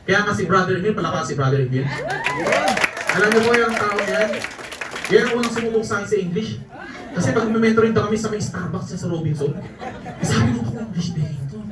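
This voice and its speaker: A network marketing speaker tells jokey travel stories to a live audience, laughing often, his high-pitched voice animated and fast with frequent pauses. He's recorded from a distance in an echoey event hall, with a crowd audible in the background.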